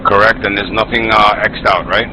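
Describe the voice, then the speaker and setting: A man's voice: on the low side, little pitch movement, fairly quick, background noise. A man chatting casually over flight simulator comms, coaching and reassuring as he leads his wingman.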